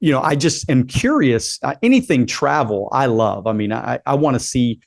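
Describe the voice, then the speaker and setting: A man's voice: mid-range voice, lively intonation, moderate pace, vocal fry, no echo. A man in his late forties hosting a casual interview, upbeat and encouraging, often repeating himself as he talks. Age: 40s. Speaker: podcast host.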